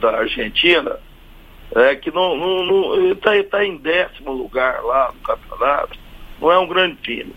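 A man with a Brazilian Portuguese accent commenting on football for a radio sports show, halting and restarting often. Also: mid-range voice, dull audio.

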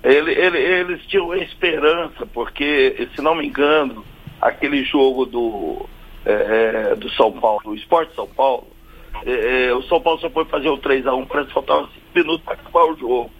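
A man with a Brazilian Portuguese accent commenting on football for a radio sports show, halting and restarting often. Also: mid-range voice, husky, highs cut off.

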